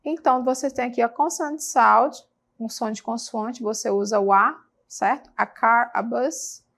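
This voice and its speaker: A woman with a Brazilian accent teaching a televised English lesson, patiently repeating words slowly for students. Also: on the high side, steady tone, a bit bright. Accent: Brazilian Portuguese. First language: Portuguese.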